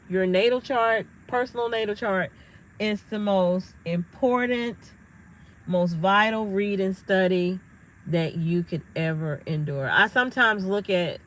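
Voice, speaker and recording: Emphatic woman with a bright voice. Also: medium pitch, rough recording. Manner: emphatic, animated storytelling. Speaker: astrology vlogger. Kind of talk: casual monologue to viewers.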